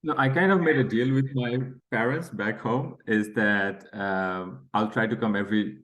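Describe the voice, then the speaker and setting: A man's voice: lowish voice, normal speed, a bit bright. A man from Bangladesh, chatting as an author guest in an interview, friendly and full of fillers. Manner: friendly, chatty, laughs between phrases, many fillers. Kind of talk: casual interview chat.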